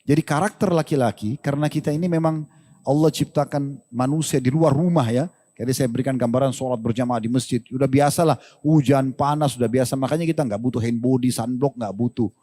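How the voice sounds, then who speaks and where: A male Islamic preacher giving a casual lecture, lively and joking, with colloquial slang and rhetorical questions. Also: mid-range voice, fairly quick, in a large hall.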